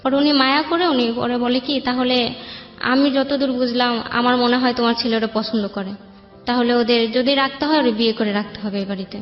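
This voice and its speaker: Background music plays under a dull, roomy recording of a young woman with a Bangladeshi accent. Speaking fairly quickly in a high, fairly even voice, she rambles casually through her life story as an interview guest.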